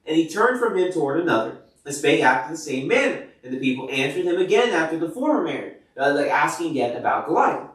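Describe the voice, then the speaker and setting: A man's voice: on the high side, sing-song, quick pace, fairly bright tone. A man reading Bible passages aloud and retelling them in loose, casual words full of fillers like "like" and "you know". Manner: reads scripture then paraphrases loosely with many fillers. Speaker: Bible reader. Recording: echoey room from far off the mic.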